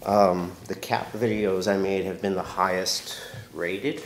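Deep-voiced and slow-paced, a stuffy, allergy-ridden shop owner talks casually about caps while modelling them on camera. He's chatty and animated indoors among wooden shelves, drifting in and out of frame from a counter-mounted camera, with echo and a low background hum.

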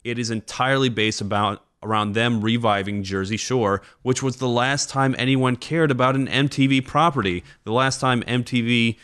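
A man's voice: medium pitch, moderate pace, few pauses, fairly bright tone, clean tone. A man hosting a podcast, rambling casually with self-deprecating asides, sounding tired. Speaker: podcast host. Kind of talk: casual chat.

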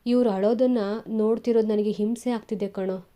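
A woman voicing a young imprisoned man who calmly reassures his grieving family. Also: a little high, a little fast, lo-fi sound, natural voice. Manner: calm, steady reassurance.

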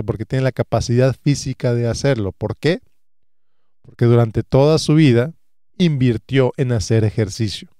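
A man's voice: medium pitch, mellow, no echo, studio quality. A man in his thirties hosting a solo finance podcast, earnest and stacking repeated phrases. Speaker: podcast host and financial advisor.

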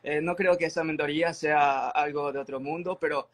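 Young man from Ecuador, video call, eager admiring testimonial, a bit higher-pitched. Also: steady tone, fairly quick. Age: young adult. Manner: eager, admiring, many fillers like "o sea" and "te juro". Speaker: mentorship student. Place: indoor room.

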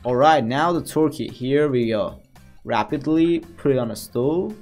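A man's voice: medium pitch, unhurried, darkish tone. A man giving casual, playful commentary as he plays a game, talking to the characters on screen. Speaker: gaming commentator. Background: background music.

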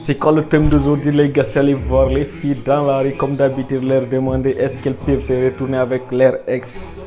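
A young man hosting a street interview show, talking in an energetic, hyped way with ad-libs, into a lapel mic. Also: mid-range voice, brisk, soft background music. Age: young adult. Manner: energetic, hype, ad-libs like bling and boum. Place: small indoor room at first, then busy public streets and malls.

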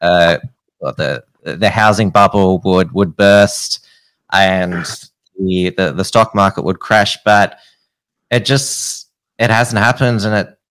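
Deep-voiced Australian man hosting. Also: fairly even intonation, fairly bright tone, clean tone, no echo. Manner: halting, many fillers and restarts. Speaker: host. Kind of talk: interview. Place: home studio. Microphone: studio mic on a boom arm.

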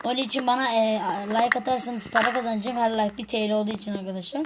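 A woman giving casual game commentary to her viewers, halting and restarting often, with a somewhat muffled voice recorded on a phone. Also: a little high, fairly even intonation, very noisy. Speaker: gaming video creator.

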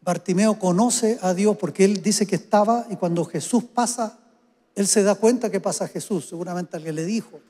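A man preaching a sermon as pastor to his congregation, often building to fervent, drawn-out calls. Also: high-pitched, mellow. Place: church sanctuary. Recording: hall reverb.

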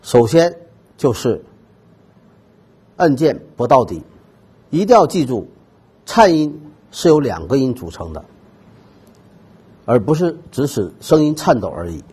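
A man's voice: medium pitch, big pitch swings, measured pace, pauses often, warm tone, husky. A man giving a trumpet lesson, explaining technique patiently and stressing the key points. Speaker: trumpet teacher. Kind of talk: instructional music lesson narration.

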